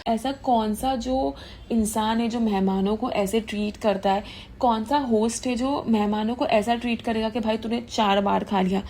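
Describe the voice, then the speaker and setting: A woman's voice: fairly high pitch, steady tone, moderate pace, warm tone, slight background noise. A young woman giving casual, indignant gossip commentary, switching freely into English. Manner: chatty, mixes English into Hindi, indignant gossip. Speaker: commentary vlogger.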